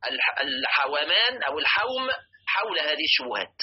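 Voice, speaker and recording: A man's voice: fairly high pitch, sing-song, fairly quick, husky, dull audio. A man with an Egyptian Arabic accent giving a religious lesson, explaining a text and repeating and stressing key words. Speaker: religious teacher.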